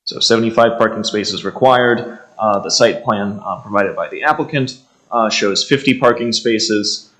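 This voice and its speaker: A man's voice: fairly low pitch, moderate pace, a bit bright, low-quality recording. An American man formally presenting a staff report, methodically reading out details with frequent hesitations. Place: indoor township meeting room.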